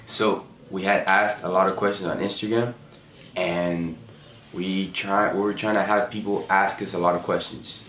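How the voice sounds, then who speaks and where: 22 yr old guy from miami, very low voice, laid back rambling vlog talk, echoey room. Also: flat delivery, moderate pace, a bit bright. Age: 20s. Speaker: vlogger. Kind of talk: casual chat to camera. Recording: echoey room with background noise.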